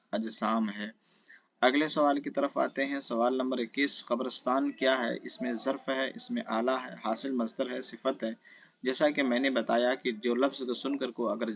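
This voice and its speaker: A man's voice: medium pitch, muffled recording. A man teaching a grammar lesson for exam prep. He reads out quiz questions, answers them himself and keeps checking in with his listeners.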